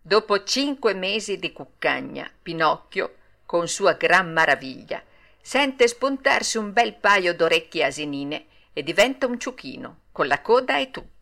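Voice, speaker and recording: A woman narrating a classic children's story with a lively, expressive reading. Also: on the low side, creaky. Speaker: audiobook narrator.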